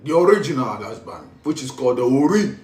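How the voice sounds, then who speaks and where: A man's voice: medium pitch, big pitch swings, brisk, darkish tone. A man with a Ghanaian accent giving a spiritual teaching talk, preaching in a repetitive way as he switches between Twi and English. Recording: roomy echo, voice from a distance.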